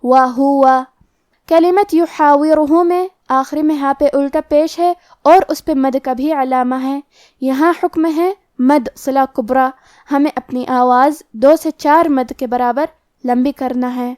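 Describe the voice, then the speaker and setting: A woman with a high, clear voice teaches the rules of Quran recitation in a calm, step-by-step way. She explains each rule plainly and then recites the words slowly. The sound is dry and close, with no room echo. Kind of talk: tajweed lesson with slow recitation.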